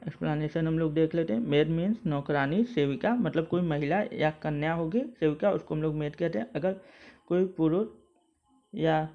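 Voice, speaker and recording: A man's voice: fairly high pitch, normal speed, creaky. A male school English teacher explaining a textbook lesson word by word, methodical and repetitive. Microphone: mobile phone. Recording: dull lo-fi phone recording.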